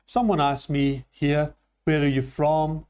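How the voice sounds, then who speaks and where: A Scottish man teaching English phrases at a slow, deliberate pace. His voice is mellow and sits a little high. He explains each point carefully to his class. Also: fairly even intonation, clear, resonant tone. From Scotland. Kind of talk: classroom lesson.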